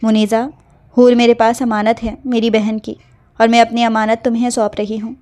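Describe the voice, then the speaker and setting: A gentle older aunt speaks slowly and tenderly, as a woman reading a novel puts her on. The voice is a little high and mellow. She advises like a loving elder in an audio storybook. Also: little pitch movement, close to an everyday voice.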